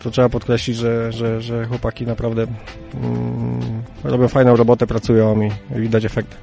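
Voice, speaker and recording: A man's voice: medium pitch, completely flat delivery, moderate pace, gravelly, warm tone, faint music behind. A male team coach giving a post-event interview, hesitant and repeating words as he searches for them.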